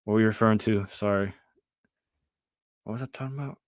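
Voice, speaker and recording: Reading out and replying to viewer chat, a young podcast host runs a relaxed, rambling live stream at a brisk pace. His fairly low voice often drops into quiet, trailing asides, and the sound is close and dry with no room echo.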